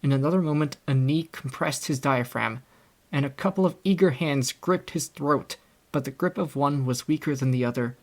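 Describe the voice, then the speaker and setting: A young man reading a classic novel aloud in scripted audiobook narration, with a steady storytelling delivery. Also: medium pitch, normal speed. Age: young adult. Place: home recording setup.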